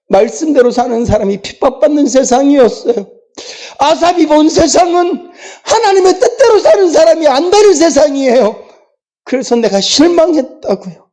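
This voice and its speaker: Fervent woman pastor with a mellow voice. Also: on the high side. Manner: emphatic, pleading preaching that rises into fervent declarations; tells personal anecdotes with laughter. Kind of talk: sermon. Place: church sanctuary.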